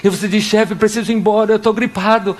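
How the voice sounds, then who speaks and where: High-pitched and fast-talking, a young Brazilian man preaches as pastor in a Brazilian Portuguese accent, full of energy as he performs mini scenes and prayers using various voices.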